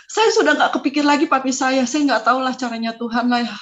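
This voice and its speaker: Emotional high-voiced woman telling her testimony. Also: fast talker, fairly bright tone. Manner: emotional storytelling, voice rising and breaking into tears at times. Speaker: testimony speaker. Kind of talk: personal testimony. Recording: slightly dull lo-fi sound.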